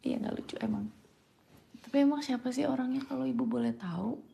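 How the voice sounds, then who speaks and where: A woman's voice: a little high, a little fast, vocal fry, mellow. A woman playing a caring, exasperated mother of a teenage son in a naturalistic screen drama. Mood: concerned, teasing.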